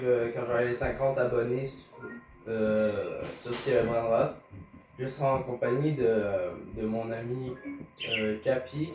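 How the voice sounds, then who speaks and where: Playing a game on YouTube, this Québécois-accented Canadian man comments casually but haltingly, stumbling over words and filling gaps. He has a mid-range, slightly mellow voice, heard through a distant mic in an echoey room with music behind him.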